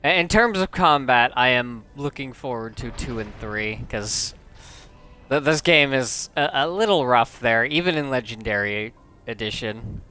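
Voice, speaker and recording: A man streaming a game live, chatting casually with slow, rambling commentary full of restarts and swearing. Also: mid-range voice, expressive, sharp tone, clear, resonant tone.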